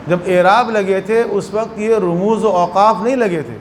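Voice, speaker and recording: A man's voice: high-pitched, slight background noise. A man with a Pakistani Urdu accent, a religious scholar giving a lecture who explains with little acted anecdotes.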